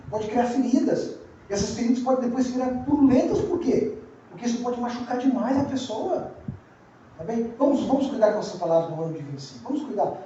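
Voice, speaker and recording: High-voiced Brazilian pastor in an echoey church. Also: male voice, mellow, a little hiss or hum. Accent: Brazilian Portuguese. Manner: conversational preaching, repeats phrases and asks the congregation questions. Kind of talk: sermon. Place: church sanctuary. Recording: very echoey, distant, dull church recording.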